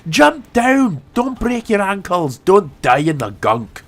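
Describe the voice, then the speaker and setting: A man's voice: high voice, sing-song, slow, pitched above the performer's own voice, exaggerated voice. A man putting on a rowdy Scottish cheerleader. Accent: put-on Scottish. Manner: loud, shouty encouragement. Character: rowdy excitable Scottish man urging someone on.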